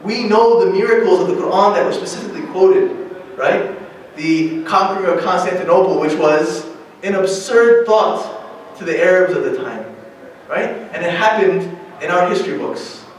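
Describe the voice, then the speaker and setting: A man from the United States with a high-pitched voice speaks at a moderate pace, giving an informal religious talk to young adults as a guest lecturer at an Islamic center. His manner is conversational, and he often checks in with a questioning "right?". The distant mic picks him up in a very echoey hall, with slight background noise.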